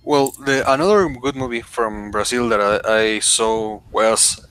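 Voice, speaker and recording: A man with a bright, sharp voice who chimes in on a podcast with short, hesitant comments. His voice sits at a middling pitch. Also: a little slow, smooth. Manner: brief, hesitant remarks. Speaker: podcast co-host. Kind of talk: casual chat.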